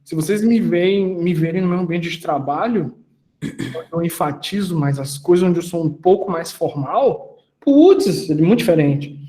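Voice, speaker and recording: A man's voice: high voice, expressive, a little slow, mellow, echoey room. A man mentoring an online audience in a casual, slangy talk, asking them questions as he goes.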